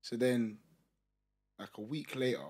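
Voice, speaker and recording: A man's voice: mid-range voice, a little slow, darkish tone, husky. A young man with a London roadman accent, chatting casually and telling anecdotes in a slangy, teasing way. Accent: London, urban roadman slang accent. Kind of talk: casual banter and anecdote chat.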